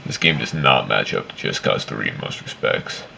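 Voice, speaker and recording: A man's voice: rumbling low, animated, normal speed, vocal fry, sharp tone, a little hiss or hum. A man giving casual, opinionated game commentary in a rambling, sweary, complaining way. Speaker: video game reviewer.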